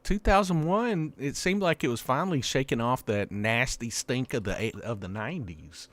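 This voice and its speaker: A man co-hosting a horror movie podcast, animated and joking while steering the chat along. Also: mid-range voice, normal speed, no room sound. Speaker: podcast co-host.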